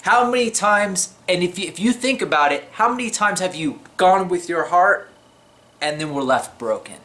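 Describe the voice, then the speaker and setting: A man's voice: high-pitched, animated, moderate pace, sharp tone. A man talking casually to camera about faith, chatty and unscripted, his voice slightly shaky. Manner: chatty, unscripted, with many fillers and restarts. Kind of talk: casual religious talk to camera.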